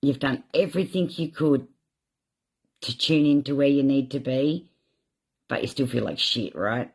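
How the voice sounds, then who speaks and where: A woman with a husky, slightly breathy voice talks openly on a live stream. She rambles and reflects on her feelings, and she sounds tearful and worn out. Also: rumbling low, measured pace, darkish tone. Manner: emotional, rambling, self-reflective. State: tearful, drained. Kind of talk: candid live stream monologue.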